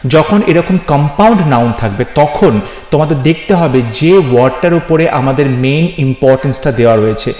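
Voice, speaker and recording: A man teaching an English grammar lesson, patiently explaining rules and slowing down to spell out example phrases. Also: a little high, animated, darkish tone, soft background music. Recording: echoey room with long reverb.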